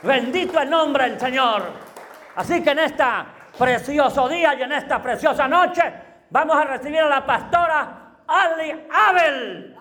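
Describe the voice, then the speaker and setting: Very high, bright-voiced man preaching. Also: a little slow. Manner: emphatic, repeating phrases, punctuated with praise. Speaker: pastor introducing a guest preacher. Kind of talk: fervent church exhortation. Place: village church. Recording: live church with congregation.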